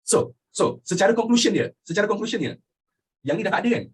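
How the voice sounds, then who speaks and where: A young Malaysian man teaching history with a Malaysian accent, animated and constantly asking his students questions. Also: high-pitched, fast talker, slightly rough. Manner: animated, asks students questions constantly, mixes in English phrases. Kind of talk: lively classroom lecture.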